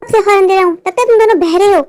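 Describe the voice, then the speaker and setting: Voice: extremely high pitch, rapid-fire. A performer voicing an aggressive grown man in a cartoon who threatens two children from his car. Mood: furious. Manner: shouting threats, counting down. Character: furious aggressive adult male driver, threatening.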